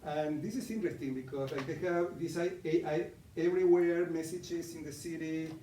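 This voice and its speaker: A coaching presenter, middle-aged and Argentinian, leads a conversational live session and asks the audience questions. His voice sits a little high, steady and warm at a moderate pace, captured from afar in an echoey meeting room with faint ambience and slight background noise.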